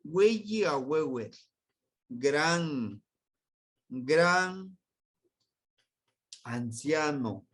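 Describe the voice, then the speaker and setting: A man with a Mexican accent gives an unscripted language lesson, speaking at an unhurried, deliberate pace. His voice sits a little high for a man and leaps upward whenever he stresses a word. He explains patiently, with many restarts. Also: animated, fairly bright tone. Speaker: Nahuatl language teacher.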